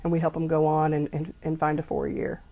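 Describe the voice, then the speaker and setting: A woman, a college athletic director, answering interview questions in a measured way with frequent ums. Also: deep voice, level tone, gravelly, warm tone. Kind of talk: interview guest.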